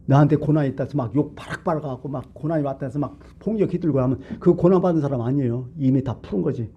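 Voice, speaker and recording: A man's voice: medium pitch, quick pace, husky, dull audio. A male pastor from South Korea preaching a Sunday sermon in a church, conversational and blunt, asking the congregation rhetorical questions. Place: church sanctuary.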